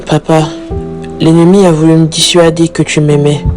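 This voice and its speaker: Over background music, a woman with a low, somewhat dark voice lightly acts the part of a troubled young daughter who is guilt-ridden, repentant and afraid of death. She speaks at a moderate pace in a level, remorseful tone.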